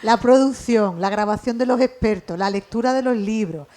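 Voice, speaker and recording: A woman's voice: on the high side, normal speed, mellow. A woman, a podcast co-creator and radio journalist, explaining step by step in a casual radio interview. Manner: explains step by step, finishes co-host's sentences.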